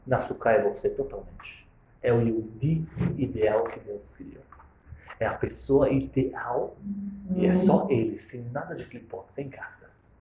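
A man giving a storytelling sermon, animated and acting out the dialogue. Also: mid-range voice, measured pace, a little hiss or hum. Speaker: religious speaker. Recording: roomy echo.

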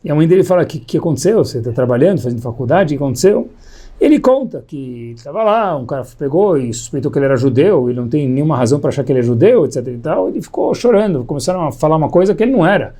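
A man's voice: fairly high pitch, rapid-fire, hardly any pauses. A man teaching a Torah class, telling stories and acting out the quoted dialogue as he goes. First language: Hebrew terms mixed in. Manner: animated storyteller, acts out quoted dialogue. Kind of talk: storytelling Torah lesson.

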